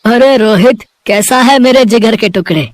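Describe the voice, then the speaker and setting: A woman voicing a kindly, principled middle-aged jalebi seller in a cartoon, with a gentle, fatherly way of talking. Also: fairly high pitch, normal speed, no echo, studio quality, close to an everyday voice. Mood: affectionate. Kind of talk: cartoon voice acting.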